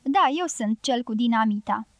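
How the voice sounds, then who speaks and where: A woman narrator voicing a calm foreign man, a dynamiter, who speaks in a measured way. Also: fairly high pitch, no echo, studio quality.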